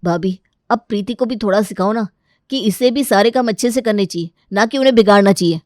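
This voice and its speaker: A woman's voice: medium pitch, darkish tone, no echo, clean studio sound, close to an everyday voice. A woman voicing an impatient young husband. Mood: relieved. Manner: hurried, irritated. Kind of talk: cartoon story voice acting.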